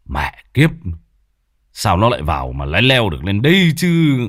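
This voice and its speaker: A man voicing a hot-tempered old village man who shouts curses. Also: on the low side, huge pitch swings, normal speed, dry recording, studio quality, heavily acted. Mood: startled.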